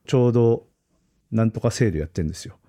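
A man's voice: lowish voice, fast, mellow, no room sound, clean studio sound. A man co-hosting a casual tech podcast, laughing often and telling stories with animation. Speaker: podcast co-host.

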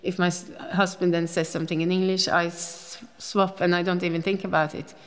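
Her voice is lowish with little movement in pitch, and she talks a little fast. She's a woman from Norway in her fifties, Norwegian-accented, and in this relaxed interview she rambles through anecdotes, restarting sentences and laughing often.

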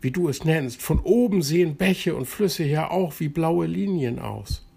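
A man's voice: a little high, animated, unhurried, gravelly, mellow, breathy edge, pitched above the performer's own voice, full character voice. A man voicing a cheerful, knowing male water drop who explains things to his friend in a bedtime story.

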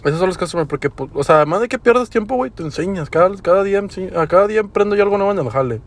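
A man's voice: sits high, animated, racing. A young man with a Mexican Spanish accent telling work stories on his podcast, casual and crude. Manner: slangy, crude, laid-back. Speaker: podcast host. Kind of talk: casual storytelling.

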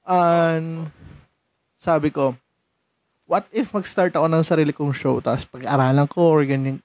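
Hosting his own podcast, this young man from San Mateo, Rizal, Philippines keeps things casual, laughing often and mixing English into his Tagalog. His voice is a little high and slightly mellow, with a steady tone and measured pace, recorded dry.

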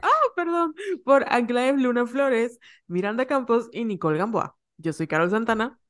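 A woman's voice: on the high side, animated, normal speed. A woman with a Yucatecan Spanish accent co-hosting a podcast, chatting in a playful, giggly, self-mocking way. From Yucatán, Mexico. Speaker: podcast co-host. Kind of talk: casual chat.

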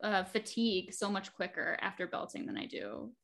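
A woman's voice: mid-range voice, big pitch swings, normal speed, vocal fry, a bit bright. A woman co-hosting a casual podcast in a gushing, slangy manner, peppering her talk with "like". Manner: gushing, slangy, heavy use of "like". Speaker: podcast co-host.

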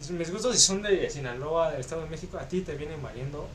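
A man with a Mexican Spanish accent in a casual chat, bantering crudely and quick to anger. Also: on the high side, recorded from a distance, a crowd in the background. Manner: fast, crude, hot-tempered banter.

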